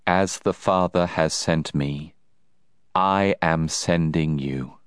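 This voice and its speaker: A man voicing Jesus in a dramatized scripture reading, slow, grave and soft-spoken. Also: extremely low pitch, smooth, no room sound, clean studio sound, pitched below the performer's own voice. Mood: solemn. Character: solemn, gentle adult male Jesus.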